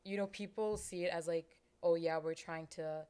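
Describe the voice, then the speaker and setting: A woman's voice: fairly low pitch, steady tone, moderate pace, mellow, smooth. A young woman co-hosting a casual podcast, explaining earnestly with lots of fillers. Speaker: podcast co-host.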